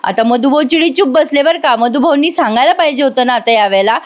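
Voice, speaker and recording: A woman's voice: sits high, fast. A woman with a Marathi accent narrating a chatty voice-over recap of a TV serial, commenting as she retells scenes.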